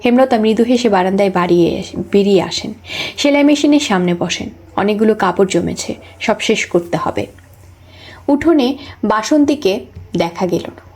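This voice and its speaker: A text-to-speech woman's voice reading a novel aloud as an audiobook, keeping an even, flat delivery for every character. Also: mid-range voice, normal speed. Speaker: audiobook narrator.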